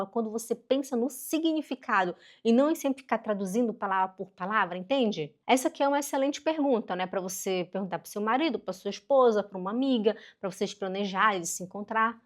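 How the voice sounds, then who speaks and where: A middle-aged woman giving a casual online language lesson, chatty and animated, slowing down carefully to model pronunciation. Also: a little high. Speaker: German teacher.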